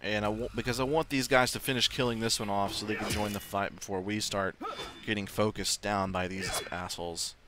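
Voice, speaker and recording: A man's voice: lowish voice, steady tone, a little fast, hardly any pauses, background noise. A man giving casual let's-play commentary, thinking aloud and swearing offhandedly. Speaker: gaming video host. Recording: faint game sound behind voice. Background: video game ambience.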